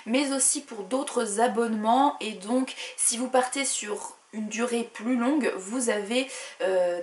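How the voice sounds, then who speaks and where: A woman book vlogger casually reviewing a subscription box, chatting freely with frequent fillers. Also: fairly high pitch. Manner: chatty, many "euh" and "voilà". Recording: echoey room.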